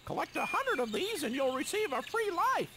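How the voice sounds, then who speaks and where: An actor voicing a helpful, eccentric male cartoon bird inventor in animated video game dialogue. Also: very high-pitched, moderate pace, heavy background noise, heavily acted. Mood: instructive. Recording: game audio with loud music.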